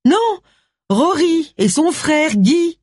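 A woman voicing a sharp-tongued, grumbling middle-aged amateur detective in an audiobook. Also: high voice, very animated, no room sound, clean studio sound, voice pushed up, heavily acted. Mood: indignant. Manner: indignant, grumbling, quick retorts.

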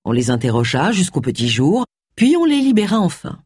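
An expressive audiobook narrator reading a mystery novel. The pitch moves freely through each sentence, with a slightly breathy tone. The sound is dry and close, with no room behind it. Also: a little fast, dry recording.

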